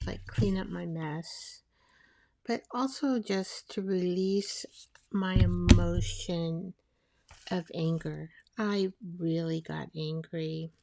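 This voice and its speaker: A woman chatting casually as she makes a collage, rambling and talking to herself while she glues, her voice soft and sometimes dropping to a whisper. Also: fairly low pitch, creaky. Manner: soft-spoken, drifting into whispers. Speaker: collage artist. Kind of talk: casual crafting narration.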